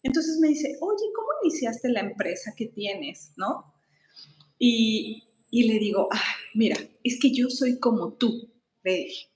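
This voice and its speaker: A woman's voice: a little high, measured pace. Chatty woman in an echoey room. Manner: chatty, laughs often, animated retelling of dialogue. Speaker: spiritual coach. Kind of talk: casual storytelling monologue.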